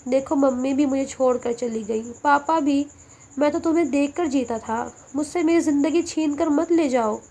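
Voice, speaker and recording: A woman's voice: high-pitched, darkish tone. A woman voicing a grief-stricken young man who pleads desperately and swears revenge.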